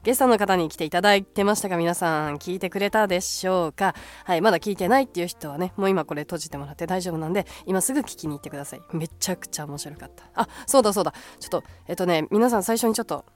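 A woman's voice: lowish voice, rapid-fire, few pauses. A woman hosting a casual solo radio talk show with a stuffy, nasal voice, chatty and full of fillers and upbeat asides.

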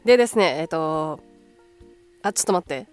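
A woman's voice: low voice, expressive, brisk, over loud music. A woman hosting a casual solo radio talk show with a stuffy, nasal voice, chatty and full of fillers and upbeat asides.

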